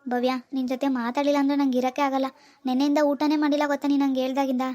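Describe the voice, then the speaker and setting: A woman's voice: sits high, level tone, racing, mellow, natural voice. [name], a woman voicing a pleading lovesick young man. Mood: hurt. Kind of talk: cartoon dialogue voice acting.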